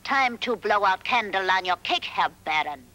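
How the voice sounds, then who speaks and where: A man's voice: sits high, animated, normal speed, sharp tone, full character voice, poor audio. A man voicing a dim chimp henchman who speaks in broken English. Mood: scheming. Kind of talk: dubbed TV comedy.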